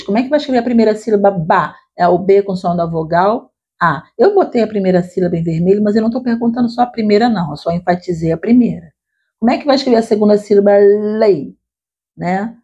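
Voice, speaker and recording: Woman teacher with a husky, dull-sounding voice. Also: medium pitch, warm tone. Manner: conversational, frequent "tá?" tag questions. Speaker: literacy teacher. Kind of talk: explaining classroom activities to teachers. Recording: dull lo-fi recording.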